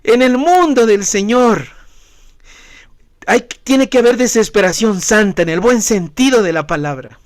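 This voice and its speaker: A man's voice: high-pitched, lively intonation, unhurried, no echo. A man who is a pastor preaching a sermon, emphatic and questioning the congregation directly. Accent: Ecuadorian Spanish.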